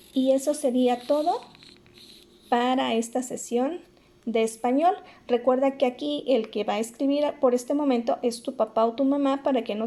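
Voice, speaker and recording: High-voiced patient schoolteacher woman. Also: mellow. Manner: patient, step-by-step explaining to young children; affectionate, addresses pupils as "corazones". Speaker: primary school teacher. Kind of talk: remote classroom lesson.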